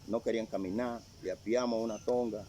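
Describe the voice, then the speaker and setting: An older man tells his story in a halting way, circling back over his own phrases as he remembers. His voice sounds dark and mellow, recorded outdoors in a rural spot with faint noise behind him. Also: lowish voice, fairly even intonation. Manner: halting, repeats phrases as he recalls. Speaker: interviewee sharing a testimony. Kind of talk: casual storytelling.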